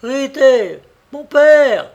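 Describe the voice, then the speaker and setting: A woman's voice: medium pitch, slow pace, lo-fi sound, voice pushed up. A man reading an audiobook, voicing a proud young woman who is frightened but keeps her dignity. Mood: desperate. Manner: pleading, then indignant. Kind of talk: audiobook character voice.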